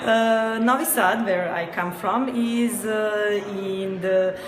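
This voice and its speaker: A woman's voice: medium pitch, slow pace, music in the background. A woman from Serbia with a Serbian accent, answering interview questions hesitantly with many fillers and small laughs. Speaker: guest, company co-founder. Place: noisy event venue. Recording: echoey busy venue with crowd.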